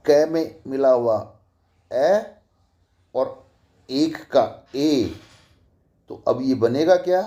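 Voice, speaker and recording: A man's voice: medium pitch, extremely slow, pauses often, dark tone. A middle-aged man teaching a grammar lesson as a college teacher, repeating each example and asking questions as he goes. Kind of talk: grammar lecture.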